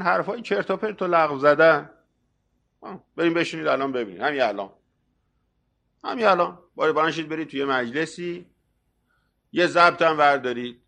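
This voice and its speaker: Gravelly-voiced man preaching a sermon. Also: fairly high pitch. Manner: lively storytelling with acted dialogue, swinging loud and soft. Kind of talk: religious sermon.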